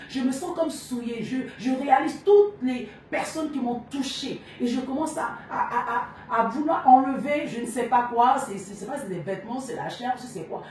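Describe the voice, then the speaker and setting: A woman's voice: fairly high pitch, a little mellow. A woman giving an earnest, emotional personal testimony with intense, heartfelt delivery. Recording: very echoey, from far off, faint noise.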